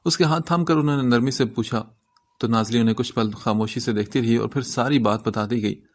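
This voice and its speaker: Guy reading a romance novel aloud, steady and even, medium pitch. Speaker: novel narrator. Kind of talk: Urdu novel audiobook narration.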